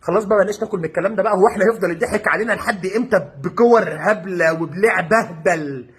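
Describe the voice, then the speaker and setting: Fast, high-voiced Egyptian man ranting. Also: breathy edge. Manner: exasperated, mocking, rhetorical questions. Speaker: football fan vlogger. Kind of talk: excited match reaction rant.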